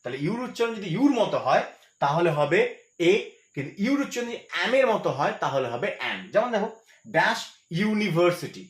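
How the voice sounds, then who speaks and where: Male grammar tutor, lively and fairly high voice, patient and repetitive, echoey room. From West Bengal, India. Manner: patient, repeats each point, asks and answers his own questions. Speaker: English grammar teacher. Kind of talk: explanatory lesson to students.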